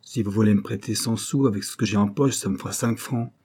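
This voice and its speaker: A man's voice: lowish voice, fast, darkish tone, slightly rough. A man voicing a cocky young male street rascal in an audiobook, grumbling and indignant in slangy speech. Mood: wheedling.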